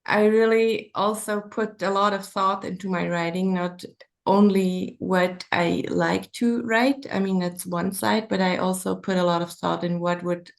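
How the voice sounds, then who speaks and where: A woman with a Swiss German accent talks as an author being interviewed. Her voice has a gravelly creak and fairly even intonation. She pauses and searches for words as she thinks aloud. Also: mid-range voice. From Switzerland. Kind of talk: conversational interview.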